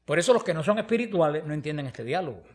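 Rapid-fire delivery and a somewhat high male voice mark this preacher's talk. He teaches from the Bible conversationally, narrating with animation and voicing the dialogue as he goes.

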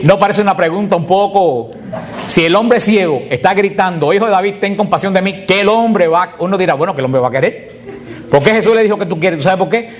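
A man preaching to a group about prayer, often asking them a question and then answering it himself. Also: fairly high pitch. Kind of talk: teaching talk on prayer.

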